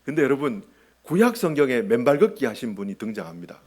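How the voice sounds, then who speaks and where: A man's voice: big pitch swings, quick pace, slightly rough. A man preaching as a pastor, emphatic, asking his congregation rhetorical questions and acting out short quoted lines. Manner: acts out short quoted lines with swings in pitch and loudness. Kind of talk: sermon.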